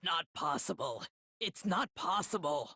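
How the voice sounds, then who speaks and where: A woman playing a big, strong, honourable young woman in an anime game, grave and deliberate. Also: on the low side, animated, sharp tone, full character voice. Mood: shaken. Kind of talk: dubbed anime game acting. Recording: music clearly behind the voice.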